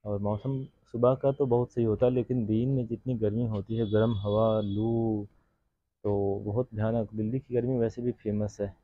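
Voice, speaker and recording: A young man in his twenties, with a lowish, flat voice at a moderate pace, vlogs casually on a phone held at arm's length. He's chatty and repetitive, walking through city streets and a busy restaurant. The lo-fi phone audio is dull, with crowd chatter in the background.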